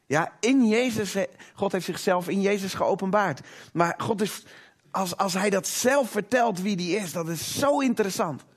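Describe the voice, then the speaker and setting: Man, high voice, preacher, sermon, emphatic, rhetorical questions to the audience. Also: moderate pace. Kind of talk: sermon to a live congregation.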